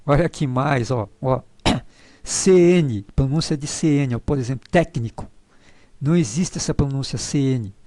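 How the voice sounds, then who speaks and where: A man teaching pronunciation in a slow, patient way, spelling out syllables one by one and checking in with his listeners. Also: mid-range voice, mellow, no echo. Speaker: language teacher. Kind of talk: explanatory lesson on pronunciation.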